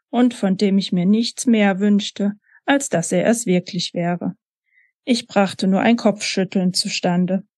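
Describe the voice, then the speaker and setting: A woman author reading her own first-person novel aloud in a soft, emotional way. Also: mid-range voice, no echo, studio quality.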